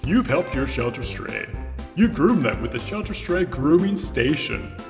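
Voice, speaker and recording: Man as an animated toy-commercial announcer. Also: a little high, measured pace, in a large hall, faint music behind. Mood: salesy, upbeat. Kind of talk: parody advert voice-over.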